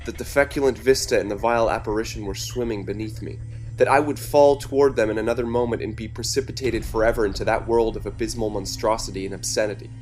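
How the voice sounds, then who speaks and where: A man giving a measured, dramatic scripted narration of a story. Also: lowish voice, fairly even intonation. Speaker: story reader. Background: soft music.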